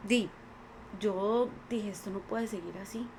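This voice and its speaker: In an unhurried, creaky, somewhat mellow medium-pitched voice, a podcast guest with a Costa Rican accent earnestly recounts her own life. She acts out plenty of other people's words as she talks, and there's slight background noise.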